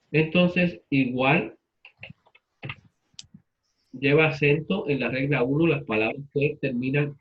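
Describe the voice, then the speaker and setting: A man's voice: medium pitch, dull audio. A man teaching a class, repeating students' answers and asking them questions in turn. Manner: patient, repeats answers back and asks questions.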